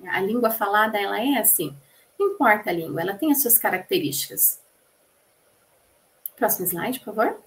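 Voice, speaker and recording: A woman voicing a lecture for a class, explaining patiently, asking the listeners rhetorical questions, and pausing to restart phrases mid-sentence. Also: mid-range voice, animated. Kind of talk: spoken lecture rendering.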